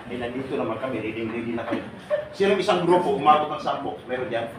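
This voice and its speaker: A man addresses a crowd in a large hall, joking and firing short questions at them. His voice sits at a middle pitch. The sound is very echoey and heard from far off, with clear noise behind it. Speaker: seminar speaker for departing overseas workers. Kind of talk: lively seminar talk to an audience.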